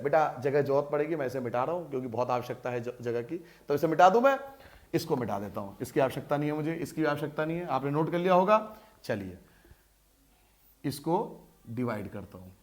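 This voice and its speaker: Lively high-voiced male maths teacher. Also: a little fast. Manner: lively, coaxing, asks and answers his own questions. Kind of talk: board lesson.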